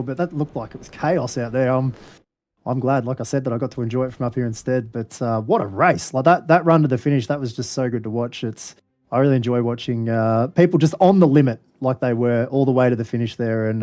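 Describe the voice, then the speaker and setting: A man, a guest commentator chatting casually about the race in a relaxed, easygoing way. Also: mid-range voice. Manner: relaxed, many fillers and restarts.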